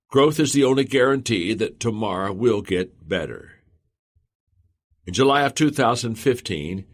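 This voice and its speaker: A man reading a motivational audiobook in the first person, earnest and measured. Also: lowish voice. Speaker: audiobook narrator. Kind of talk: scripted audiobook narration.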